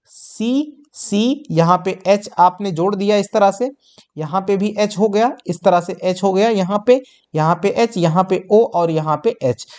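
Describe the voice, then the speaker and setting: A man's voice: high voice, a little slow, darkish tone. Man teaching science step by step. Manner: explains step by step, asks and answers his own questions; addresses students as children. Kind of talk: exam-prep board lesson.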